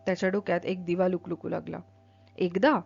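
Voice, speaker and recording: A woman reading a literary novel aloud, narrating in a measured, steady way. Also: medium pitch. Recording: dull lo-fi with faint music.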